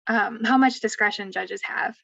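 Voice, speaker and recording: A woman's voice: mid-range voice, moderate pace, vocal fry, fairly bright tone, dry recording. A woman who advocates in family law, explaining court steps in a conversational webinar style with frequent asides. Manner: conversational, thinks aloud with asides. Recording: distant dull lo-fi mic, dry.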